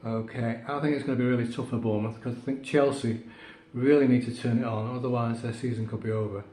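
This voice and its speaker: Mellow-voiced man giving football predictions. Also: medium pitch, fairly even intonation. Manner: measured, thoughtful with fillers. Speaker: co-host. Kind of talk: casual football prediction chat. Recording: echoey room, faint noise.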